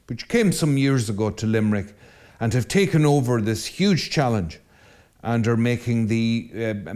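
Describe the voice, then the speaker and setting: A man, a priest hosting an interview, speaking in measured, formal phrases. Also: mid-range voice, warm tone. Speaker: host, priest. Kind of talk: interview host.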